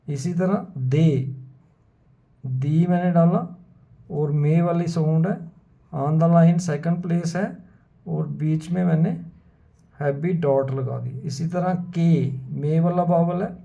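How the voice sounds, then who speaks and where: Slow gravelly shorthand teacher. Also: male voice, on the high side, dark tone. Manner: methodical, repeats words slowly for students. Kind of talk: whiteboard lesson explanation. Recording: dull lo-fi sound.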